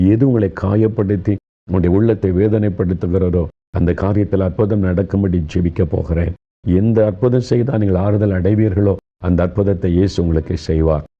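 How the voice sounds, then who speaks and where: Casting: male preacher, very low voice, comforting delivery, muffled lo-fi sound. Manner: gentle, consoling, addresses listeners directly. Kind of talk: sermon.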